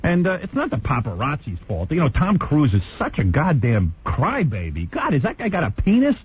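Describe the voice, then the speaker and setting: A man's voice: a little high, huge pitch swings, brisk, husky. A man hosting a radio talk show, brash and wisecracking as he rambles through the story, on an old tinny broadcast recording.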